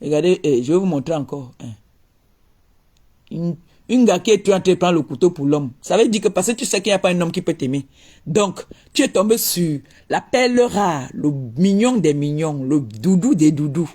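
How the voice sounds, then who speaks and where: A man with a fairly high-pitched voice tears into his target in a comic rant. He mocks and taunts theatrically, repeating jabs for effect. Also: expressive, moderate pace, a little mellow. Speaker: comedian.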